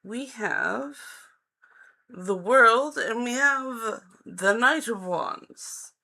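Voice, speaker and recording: A woman giving a live psychic-hotline style card reading, speaking in halting, deliberate phrases with an encouraging, reassuring manner. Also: fairly high pitch, gravelly, pushed and bright. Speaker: live-stream tarot reader and host.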